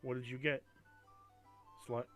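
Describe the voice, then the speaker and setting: A man's voice: medium pitch, little pitch movement, unhurried, a bit bright, no echo, faint music behind. A man running a tabletop fantasy game, improvising narration that shifts between dramatic description and casual rules talk. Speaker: game master.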